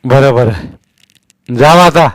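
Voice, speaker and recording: A man voicing a gruff, loud old village landowner who teases and shouts at boys. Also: extremely slow, no echo, clean studio sound. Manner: booming, teasing, shouting.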